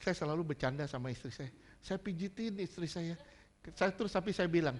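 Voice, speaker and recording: A man preaching a sermon as pastor, joking and animated. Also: a little high, a little fast.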